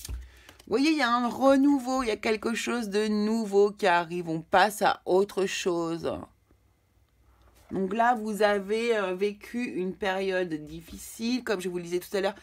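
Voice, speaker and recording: A woman's voice: mid-range voice, measured pace. A woman giving a casual tarot reading to camera, chatting directly with her viewers. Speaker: tarot card reader.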